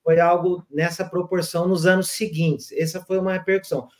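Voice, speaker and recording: A Brazilian man hosting a podcast, telling stories in a relaxed conversational way with frequent restarts. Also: sits high, fairly quick. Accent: Brazilian Portuguese. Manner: animated storyteller with frequent restarts. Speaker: podcast host. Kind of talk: casual storytelling conversation.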